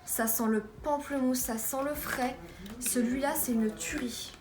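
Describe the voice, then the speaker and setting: Speaking at a measured pace, a young beauty vlogger from France runs through a haul in a slightly high, chatty voice full of fillers and half-finished restarts. The echoey home room carries a steady noise behind her.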